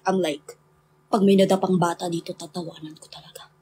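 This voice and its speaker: A woman's voice: on the low side, fairly even intonation, a little fast, mellow, slightly rough. A young woman with a Filipino accent, chatting casually with viewers on a livestream, laughing often and mixing English in. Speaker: livestream host.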